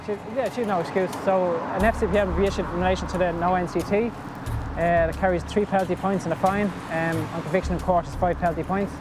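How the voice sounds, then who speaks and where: An Irish man, a police officer, explains penalties in a matter-of-fact official manner. He talks quickly. Music and traffic sit behind him outdoors. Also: high voice, fairly even intonation, low-quality recording. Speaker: police officer at a roadside stop. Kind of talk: explaining vehicle offences and penalties. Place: outdoors at a roadside. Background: music and vehicle sounds.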